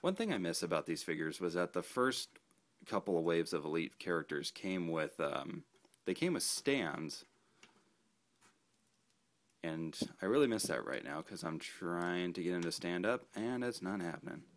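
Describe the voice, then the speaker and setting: Laid-back male toy reviewer, very low voice, rambling and self-correcting. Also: sing-song, moderate pace. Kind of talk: casual action figure review.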